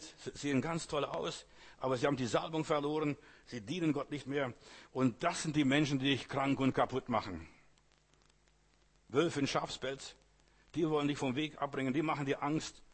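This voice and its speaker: A man's voice: mid-range voice, slightly rough. A man preaching a sermon, speaking earnestly in short repeated phrases and addressing the listener directly.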